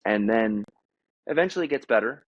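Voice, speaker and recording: A man in his forties with an American accent speaks at a fairly low pitch and a fairly quick pace, with no echo. He owns a gym and is a guest on a podcast, casually telling stories in an animated way, acting out quotes and using lots of fillers. The recording has a dull, lo-fi sound.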